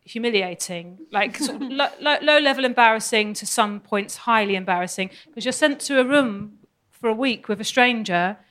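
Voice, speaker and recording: Woman, Essex accent, fairly high pitch, animated, laughing, live podcast chat. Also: normal speed. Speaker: author guest.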